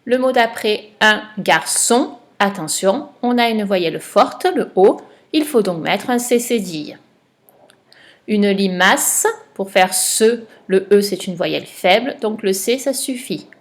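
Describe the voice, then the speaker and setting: A woman's voice: mid-range voice, lively intonation, unhurried. Woman, primary teacher, recorded home lesson, patient, stretches words for dictation.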